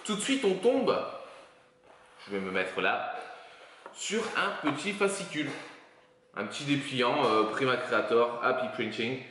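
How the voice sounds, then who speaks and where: A chatty man talks through a product review, pausing on fillers as he thinks aloud. His voice rings in a very echoey room with a long reverb tail and faint background noise. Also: mid-range voice, sing-song, a bit bright. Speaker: 3D printing YouTuber.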